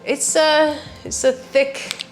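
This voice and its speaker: A woman's voice: high-pitched, level tone, slow, faint music behind. A woman with a congested, sick-sounding voice giving a chatty perfume review on her channel, often saying "like". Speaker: fragrance reviewer. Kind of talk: casual product review.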